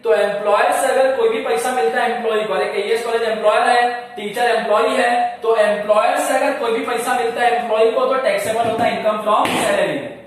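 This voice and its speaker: A man with a fairly high voice lectures like a teacher, firing off questions and answering them himself and repeating each point. He is heard from a distance, with the sound bouncing around a very echoey room. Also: fairly even intonation, brisk, hardly any pauses. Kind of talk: classroom lecture. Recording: echoey room, mic far off.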